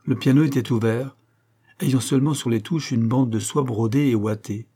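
Husky-voiced male audiobook narrator. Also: medium pitch, moderate pace, dark tone. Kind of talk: scripted narration.

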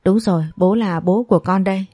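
A woman voicing a gentle, very polite young man who has just come back from abroad. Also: mid-range voice, brisk, dry recording, clean studio sound, lightly acted.

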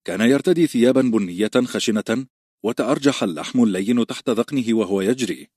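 A man reading an audiobook novel aloud in a steady, measured narration. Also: medium pitch, husky, dry recording, studio quality.

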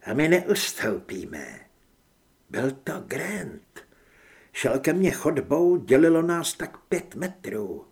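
A man reading a tense first-person audiobook narration in a steady voice. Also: on the high side, vocal fry. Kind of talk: scripted narration.

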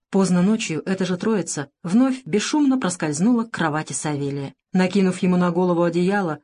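A woman reading a novel aloud as narrator, steady and expressive. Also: on the low side. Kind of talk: scripted audiobook narration.

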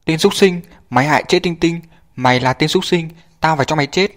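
A man voicing a grieving mother, a woman who hysterically hurls shrill screaming accusations. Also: fairly quick, lightly acted. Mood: furious shrieking.

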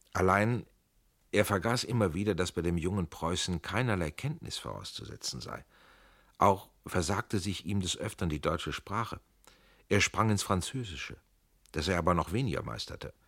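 A man narrating an audiobook in a measured, literary storytelling manner. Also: low-pitched, fairly bright tone, slightly rough, dry recording, studio quality.

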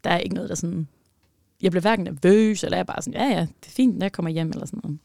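A young woman telling a personal story as a podcast guest, animated and emotional, with many fillers. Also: on the low side, gravelly, no echo, clean studio sound.

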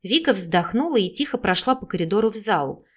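A woman narrating an audiobook in a steady, measured reading voice. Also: medium pitch, husky. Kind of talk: scripted narration.

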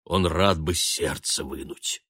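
A man voicing a tired old father who talks briefly in a slow, gruff way. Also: rumbling low, a bit bright, dry recording, clean studio sound, voice pushed down, exaggerated voice. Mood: weary.

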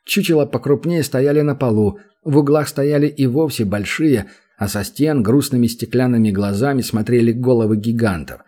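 A man narrating a fantasy audiobook in an even storytelling manner. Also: medium pitch, moderate pace, slightly rough.

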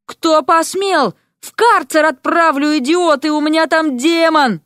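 A woman's voice: sits high, measured pace, dry recording. Woman voicing a cranky old professor, male, blustering complaints, dry close sound. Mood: grumbling. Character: grumpy older male professor of demonology.

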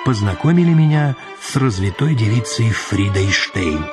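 A man's voice: on the low side, lively intonation, normal speed. A man reading a story aloud in a dry, ironic storyteller's manner. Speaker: narrator. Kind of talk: audiobook reading. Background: music.

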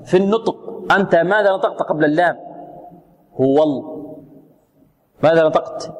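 A male Quran recitation teacher in a tajweed lesson, his voice a touch higher than most men. He keeps quizzing the students with prompt after prompt and stretches out words to demonstrate them. A long reverb hangs on his voice. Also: a little mellow. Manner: questioning, drills students with repeated prompts; demonstrates drawn-out recitation examples. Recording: long reverb, radio broadcast.

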